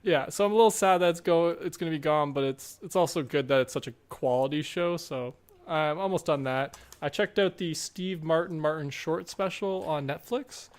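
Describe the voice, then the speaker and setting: A man's voice: a little high, normal speed. A man co-hosting a podcast in casual chat, easygoing, laughing often and rambling with fillers. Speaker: podcast co-host.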